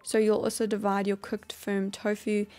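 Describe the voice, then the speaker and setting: A woman hosting a cooking channel, explaining each step of a meal prep in a calm voice-over. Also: mid-range voice, normal speed. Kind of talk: instructional voice-over.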